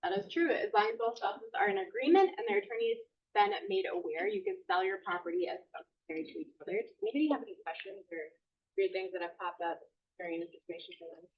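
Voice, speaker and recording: A woman's voice: medium pitch, fast talker, recorded from a distance. A woman presenting to a team and running a true-or-false quiz in an upbeat, casual way. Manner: upbeat, laughing quiz host. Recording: muffled audio from off the mic.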